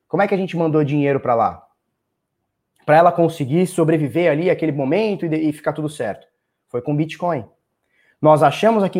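Brazilian guy on a live stream, kinda high voice, chatty, keeps quizzing the viewers, goofy sound words. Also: a little mellow. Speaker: crypto market live-stream host. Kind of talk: casual live-stream commentary.

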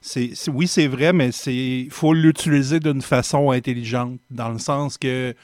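A man giving a measured explanation in casual podcast conversation. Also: medium pitch, steady tone, darkish tone, no echo, studio quality.

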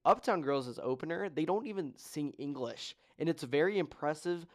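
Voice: mid-range voice, lively intonation, moderate pace. Podcast host, casual chat, jokey, rattles off lists, lots of ums. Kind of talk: casual podcast chat reading competition results.

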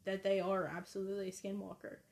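A woman's voice: mid-range voice, flat delivery, quick pace, creaky, darkish tone. A woman co-hosting a casual podcast, talking in a hesitant, hedging way with frequent ums. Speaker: podcast co-host.

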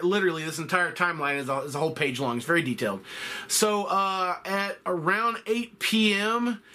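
A man's voice: high-pitched, sharp tone. A man casually narrating a solo podcast, rambling a little and correcting himself often. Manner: rambling, self-correcting, with frequent fillers. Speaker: podcast host.

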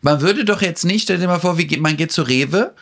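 A man hosting a podcast, ranting in an animated, theatrical way and acting out conversations. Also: on the high side, a little fast, vocal fry. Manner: indignant, theatrical, acts out dialogue. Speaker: podcast host. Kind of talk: animated casual chat.

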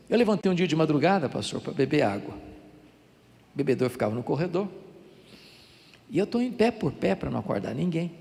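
A middle-aged Brazilian pastor preaches with a Brazilian Portuguese accent, his fairly high voice swinging widely in pitch. He tells stories with animation and builds to loud, emphatic prayer. His words ring out in a large hall with a long reverb. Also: vocal fry. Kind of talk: sermon.

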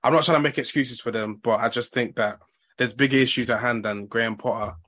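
A man's voice: medium pitch, a little fast, a bit bright. A man with a London roadman accent and slangy delivery, hosting a casual football chat in a laid-back way. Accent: London, multicultural roadman slang. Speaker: podcast host.

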